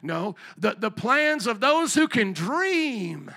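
A man preaches through a pulpit microphone with a high, bright, forceful voice. He drives the sermon with emphatic call-and-response, pressing the congregation to answer him. The sound is that of a church service picked up at the pulpit. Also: big pitch swings, slow pace, gravelly. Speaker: pastor. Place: church sanctuary.

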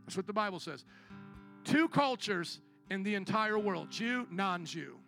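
A male pastor delivers a sermon in a high voice with a gravelly rasp. He keeps calling on the congregation to answer him, dropping low and quiet before rising to loud shouted climaxes. Soft guitar plays faintly underneath. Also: lively intonation, a little slow. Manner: preaches with call-and-response to the congregation.

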